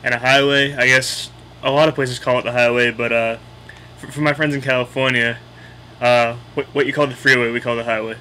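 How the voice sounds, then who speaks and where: A man's voice: mid-range voice, little pitch movement, brisk, bright, forceful tone, a little hiss or hum, low-quality recording. A man with a Boston accent casually explaining local slang in a blunt, opinionated, sweary way. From Boston area, United States.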